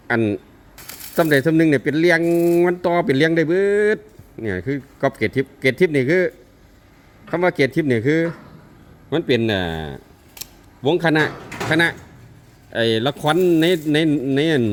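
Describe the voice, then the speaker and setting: Isan man, rambling and chatty, talks straight to viewers, faint noise behind. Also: mid-range voice. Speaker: owner of a mobile sound truck band. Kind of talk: casual vlog update.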